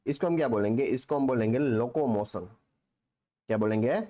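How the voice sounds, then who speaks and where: Teaching biology in a Hinglish classroom lecture, this man speaks fairly quickly in a mellow, medium-pitched voice. His style is repetitive, full of "theek hai", and he keeps asking questions only to answer them himself.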